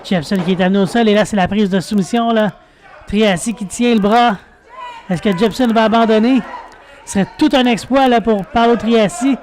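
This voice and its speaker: A man with a Québécois French accent gives live wrestling play-by-play as a commentator, calling each move with excited exclamations. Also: sits high, moderate pace. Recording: noisy venue with loud crowd behind.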